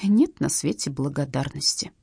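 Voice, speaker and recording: A bossy, sharp-tongued young woman, read by a female narrator, scolding and teasing with a lively, swooping voice. The tone is husky, and the recording is dry and close. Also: fairly high pitch, normal speed, no echo, voice pushed up. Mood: mocking. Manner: scolding and mocking.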